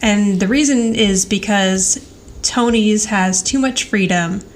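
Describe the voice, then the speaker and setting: A podcast co-host recaps scenes in detail during a casual, conversational episode chat. Her medium-pitched voice goes slowly, and there's a little hiss or hum in the recording.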